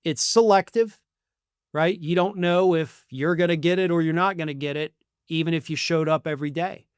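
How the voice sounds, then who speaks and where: Speaking at a normal speed in a smooth, slightly high voice, an American channel host and political commentator gives emphatic, sarcastic, colloquial news commentary full of opinion. The sound is clean studio audio with no echo.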